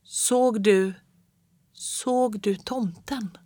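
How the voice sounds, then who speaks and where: A storyteller voicing a young boy in a storybook, speaking in a hushed, hesitant way. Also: mid-range voice, no room sound, pitched above the performer's own voice, close to an everyday voice. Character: young boy, nervous and curious. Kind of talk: storybook read-aloud.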